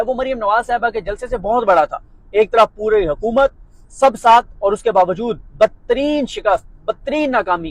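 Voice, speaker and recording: A man with a Pakistani Urdu accent delivers political commentary in a sarcastic, emphatic way. His voice sits high for a man. The recording is dry, with no room echo.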